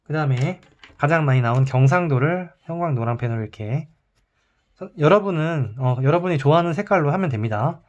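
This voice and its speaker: A male teacher giving a recorded math lesson. He explains calmly and step by step while drawing on a chart. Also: a little high, a little fast, dull audio.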